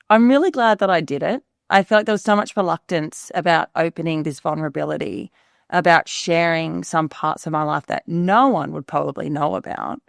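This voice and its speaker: Woman, podcast guest: candid and chatty storyteller, a touch of vocal fry, smooth tone, dry close mic. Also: low voice, dry recording. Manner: chatty, acts out quoted dialogue, frequent fillers. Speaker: podcast guest, business founder.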